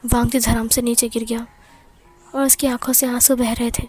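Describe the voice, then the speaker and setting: A woman retelling fan fiction as a storyteller, in plain, steady narration. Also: on the high side, moderate pace, husky, soft background music.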